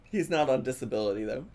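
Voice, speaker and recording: A male host giving sassy reaction commentary, swearing and bursting into yelling. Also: mid-range voice, lively intonation, a little fast.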